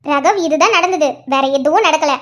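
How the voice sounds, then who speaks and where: A woman doing a sly, shrill scheming aunt. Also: natural voice. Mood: defensive. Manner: sly, self-pitying, quick. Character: scheming middle-aged aunt, defensive and sly. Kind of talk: cartoon voice acting.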